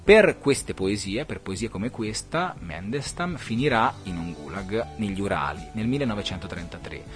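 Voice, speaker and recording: A man's voice: fairly low pitch, animated, moderate pace, faint music behind. A man hosting a poetry show in a studio, talking in a reflective, digressive way with hesitant fillers and restarts. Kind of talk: podcast talk with poetry reading.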